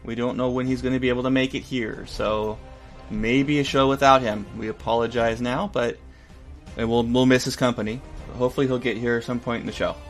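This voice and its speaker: A man with a mid-pitched voice hosts a casual podcast. He talks in an informal, bantering way, with faint music behind him. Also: fairly even intonation, fairly quick. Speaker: podcast host.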